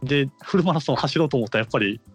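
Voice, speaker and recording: A man's voice: medium pitch, racing, husky, dry recording, faint music behind. A man with a Kansai accent talking casually and explaining things in a conversational way. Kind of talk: casual chat.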